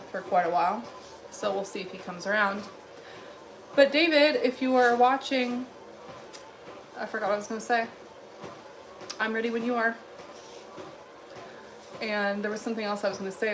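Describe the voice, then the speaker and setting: A woman's voice: mid-range voice, background noise. A woman from Illinois hosting a casual livestream, reading chat comments in a blunt, dry, dismissive way while walking on a treadmill.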